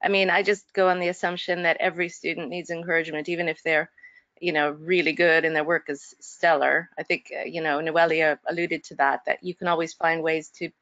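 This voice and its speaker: A woman's voice: deep voice, flat delivery, brisk, a bit bright, no room sound, dull audio. A woman instructor speaking earnestly and reflectively in an online faculty workshop, with frequent fillers and restarts. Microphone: video call.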